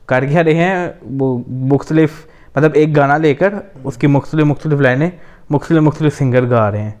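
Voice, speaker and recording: A man's voice: a little high, darkish tone. Casual male host, clean resonant voice, explains at ease and switches into English now and then. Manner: explanatory, drops English phrases into speech. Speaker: podcast host. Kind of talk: casual chat.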